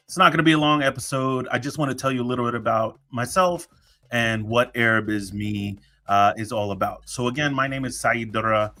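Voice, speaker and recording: Speaking fairly fast in a sharp, mid-range voice, a man from the United States chats and jokes on his solo podcast. He restarts sentences often and leans heavily on filler words.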